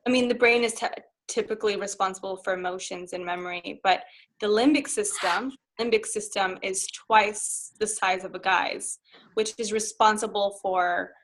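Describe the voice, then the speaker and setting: Woman sex coach, candid interview guest, frank and lively. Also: medium pitch, normal speed. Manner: frank and animated, laughs while telling stories.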